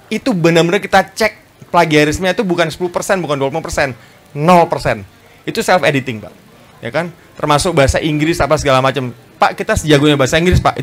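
Fast, animated man speaking at a book talk. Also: a little high. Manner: animated, fast, acts out quoted voices, often adds "Pak". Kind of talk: lively public talk to an audience. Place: bookstore event space.

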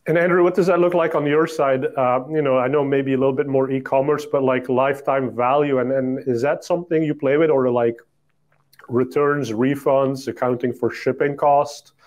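A man hosting a casual podcast chat. He fires off questions in a curious, quick way and trails through fillers as he thinks. His voice sits in an ordinary middle pitch. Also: fairly even intonation, a little mellow. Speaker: podcast host.

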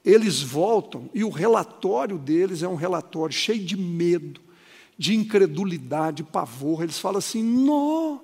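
A man's voice: high voice, expressive, normal speed, darkish tone, slightly rough. A man, preaching a sermon and telling a story in a dramatic, swooping way, heard in a long reverberant hall. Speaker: pastor.

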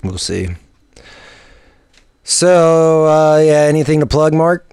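A man's voice: fairly high pitch, lively intonation, takes it slowly, darkish tone, clean tone, no echo, studio quality. A man hosting a podcast in a casual, rambling, offhand way. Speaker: podcast host.

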